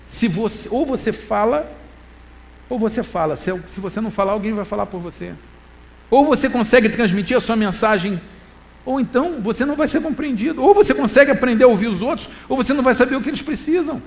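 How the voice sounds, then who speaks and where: Animated Brazilian preacher man, high voice. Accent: Brazilian Portuguese. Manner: animated, swings between loud emphasis and quiet asides; quotes scripture in a slow, deliberate reading voice. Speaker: preacher and lecturer. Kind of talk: church talk sermon.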